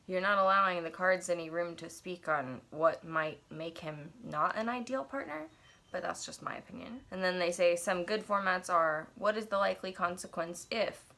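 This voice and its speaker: This tarot and oracle deck reviewer, a woman in her twenties, is stuffy from allergies while she unboxes an oracle deck indoors in a cluttered bedroom. She talks casually, drifts into asides as she thinks aloud, and reads some passages out. Her voice sits on the low side, creaky yet bright, forceful and at normal speed.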